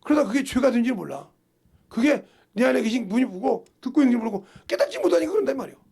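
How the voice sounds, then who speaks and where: A man's voice: very high-pitched, big pitch swings, fast, gravelly, dark tone, slightly rough. A man pastor preaching a sermon in a folksy storytelling way, asking the congregation questions as he goes. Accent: Korean.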